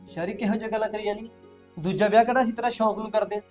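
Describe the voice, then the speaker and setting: A young man as a bossy elder brother who talks fast in a high voice. He argues insistently and is quick to anger. Soft music sits under the scene. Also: fairly even intonation, lightly acted. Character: bossy, hot-tempered village elder brother.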